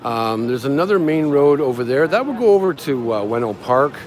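A mid-range, slightly mellow male voice, animated and fairly quick, delivers casual, wandering commentary on a walking tour. The speaker is a live-streaming travel vlogger and guide on a busy outdoor market street, with crowds and traffic behind him.

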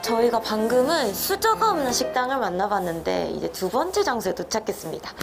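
A young woman TV food reporter speaking through a face mask, lively and exclamatory as she chats with a restaurant owner. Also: on the high side, brisk, gravelly. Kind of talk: broadcast food show reporting. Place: indoors in a restaurant. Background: background music.

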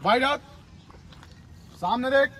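A young man coaching army recruits in an instructional video, giving brisk commands and teasing them as he drills. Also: very high voice, lively intonation, bright, forceful tone, a faint crowd. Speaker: army recruitment physical trainer.

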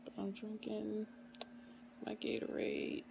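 A young woman speaks slowly and groggily, as if still numb from dental surgery, with heavy vocal fry. She chats casually into a phone held at arm's length, and clear background noise sits behind her voice. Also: medium pitch, completely flat delivery. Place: small indoor room, lying down. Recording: noisy phone recording with room noise.

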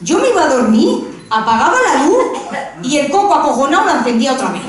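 A woman's voice: high-pitched, sing-song, fast talker. A woman performing a self-mocking stand-up comedy monologue on a live stage, with punchy joke delivery. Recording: very echoey room, voice from far off.

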